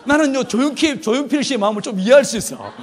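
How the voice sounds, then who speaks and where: A man's voice: very high voice, lively intonation, quick pace. A middle-aged man preaching a humorous sermon at a youth retreat, telling stories with playful laughter. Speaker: pastor.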